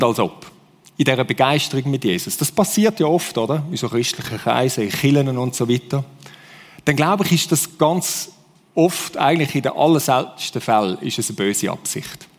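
A man's voice: mid-range voice, expressive, moderate pace, big-room sound. A man with a Swiss German accent preaching a sermon, who acts out fake enthusiasm in playful voices. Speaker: pastor.

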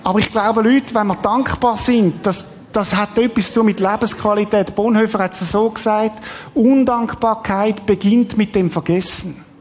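A man's voice: sits high, fairly even intonation, normal speed, a little hiss or hum. A middle-aged man, giving a conversational sermon as a pastor and asking the congregation questions. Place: church hall. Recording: long hall reverb.

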